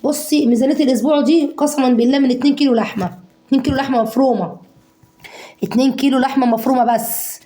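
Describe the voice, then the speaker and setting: A woman with an Egyptian accent, hoarse from a cold, chatting fondly to her viewers about a budget week of home cooking. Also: high voice, fairly even intonation, racing, echoey room. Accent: Egyptian Arabic. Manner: warm endearments to viewers, acts out their questions.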